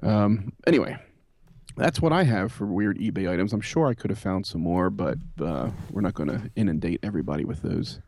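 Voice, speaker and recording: Casting: low-pitched male podcast co-host, relaxed rambling chat, dry close sound. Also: a little fast, gravelly, dry recording. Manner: relaxed, rambling with many fillers. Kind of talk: casual chat about vintage computers.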